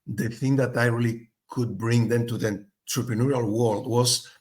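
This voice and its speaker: A middle-aged Spanish man chats as a guest in a casual interview, thoughtful and full of fillers and restarts. His medium-pitched voice has a darkish tone and fairly even intonation, at a moderate pace.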